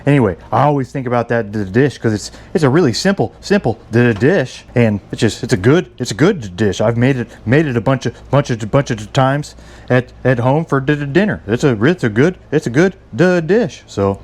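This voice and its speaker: A home cook with a mid-range, husky, slightly mellow voice talks animatedly at a moderate pace through a recipe in a casual vlog. He stammers and repeats words, rambling and poking fun at himself.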